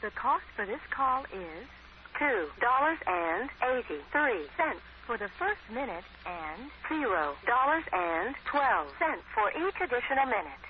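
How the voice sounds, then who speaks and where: A recorded woman's voice reading an automated collect payphone call announcement, scripted and flat, over a phone line. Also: fairly high pitch. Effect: recorded prison payphone announcement over a phone line. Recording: muffled phone line with faint hiss.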